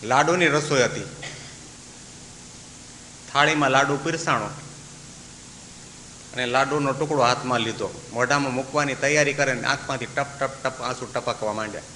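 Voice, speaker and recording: This swami's mid-range voice is pushed and bright, moving at normal speed with frequent pauses. During his religious discourse he narrates a story, voices its characters, and slips into sung verses, recorded in an echoey hall with faint hiss.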